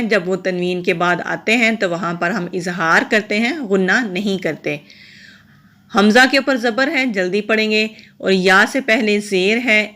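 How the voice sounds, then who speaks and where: A woman's voice: mid-range voice, a bit bright. A woman, a Quran recitation teacher going patiently through each letter and rule step by step. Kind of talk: step-by-step tajweed lesson.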